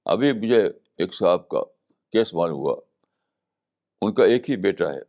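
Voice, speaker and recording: Older male scholar, lowish voice, measured spiritual talk, repeats himself for emphasis. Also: animated, darkish tone. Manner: measured, repeats phrases for emphasis, mixes English terms. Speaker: Islamic scholar giving a talk. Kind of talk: spiritual lecture.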